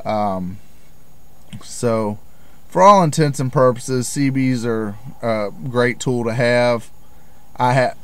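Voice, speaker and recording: A middle-aged American man with a smooth, mid-range voice explains something informally to camera. His plain-spoken delivery resembles that of a hobbyist vlogger.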